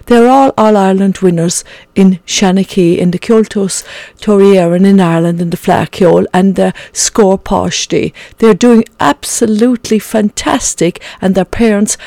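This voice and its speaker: A woman hosting a show, giving a spoken introduction in a presenter's style with a creaky, mellow voice. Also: mid-range voice, fairly even intonation, normal speed, no room sound. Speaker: show host.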